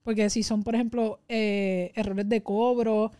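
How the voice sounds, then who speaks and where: A woman's voice: medium pitch, level tone, measured pace, warm tone, smooth, no room sound. A woman telling workplace anecdotes in casual conversation, now and then slipping English words in. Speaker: podcast co-host. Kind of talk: casual storytelling chat.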